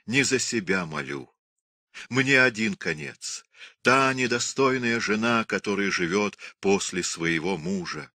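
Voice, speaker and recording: A man's voice: on the low side, moderate pace, sharp tone, no room sound, clean studio sound. A man voicing a young Cossack wife, desperate and pleading, in an impassioned storybook reading.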